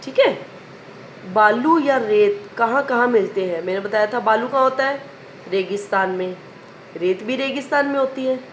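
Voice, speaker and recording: A woman's voice: fairly high pitch, moderate pace, a little hiss or hum. A woman teacher reciting a children's poem in a sing-song way, asking questions and answering them herself. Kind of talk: primary school lesson recitation.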